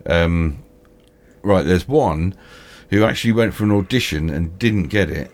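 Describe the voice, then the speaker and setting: A British man with toothless, slightly slurred speech, hosting a casual film chat in a halting, repetitive, rambling way. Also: low voice, animated. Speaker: film discussion host.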